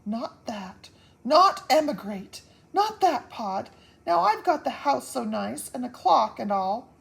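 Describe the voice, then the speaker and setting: An anxious little storybook housewife pleads in a raised, high-pitched voice, as a woman puts her on. She is fretful and easily alarmed, and her voice swoops up and down. Her delivery is slow. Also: lively intonation, vocal fry, slightly rough, full character voice, poor audio. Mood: pleading.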